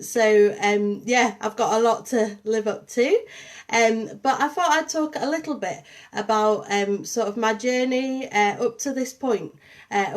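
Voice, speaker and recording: Hosting a relaxed livestream, this Liverpool-born artist and programme coordinator chats warmly to her viewers, full of ums. She has a fairly high voice and a Liverpool and St Helens accent with a hint of Yorkshire.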